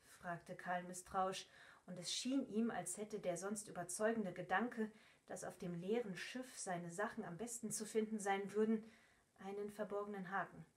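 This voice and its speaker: Woman, measured literary narrator, home recording. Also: medium pitch. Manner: calm, measured storytelling. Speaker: actress reading aloud. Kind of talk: literary reading. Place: home office.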